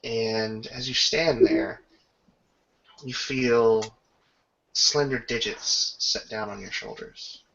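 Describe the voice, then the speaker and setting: A man serving as game master narrates a tabletop roleplaying scene and explains its rules in halting, improvised phrases. His medium-pitched voice is bright and forceful, heard over a dull, lo-fi voice chat.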